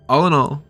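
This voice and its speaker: A man's voice: pushed and bright, dry recording. A man in his thirties giving a loose, rambling book review at home, swearing freely.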